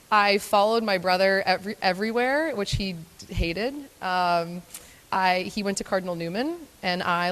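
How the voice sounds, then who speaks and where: A young woman from Florida giving a chatty, self-deprecating live talk to an audience, with frequent filler ums. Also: on the low side. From Florida, United States. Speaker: guest speaker at a morning talk event. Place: event hall before a live audience. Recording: long hall reverb.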